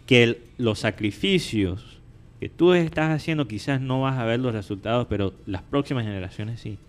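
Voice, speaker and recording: A man's voice: medium pitch, moderate pace. A man who is a native English speaker hosts a casual discussion in Spanish, searching for words and repeating phrases as he argues. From United States. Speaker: show host.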